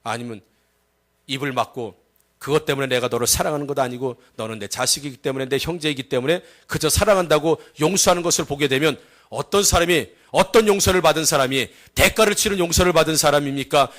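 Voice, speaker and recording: A pastor delivers a Sunday sermon in a high voice. He swings from loud, emphatic lines to low, quiet asides. He drives his points home and calls out to the congregation. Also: fast talker. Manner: acts out story voices with a raised pitch.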